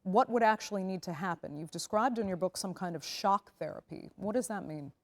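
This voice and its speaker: A woman's voice: medium pitch, brisk. A woman interviewing a guest, framing background and asking direct, probing questions.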